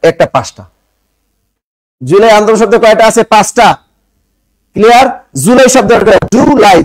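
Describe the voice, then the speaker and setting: A high-pitched man from Bangladesh teaches an exam-prep class, firing questions at students and sounding out words syllable by syllable. The sound is close and dry. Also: dry recording, low-quality recording.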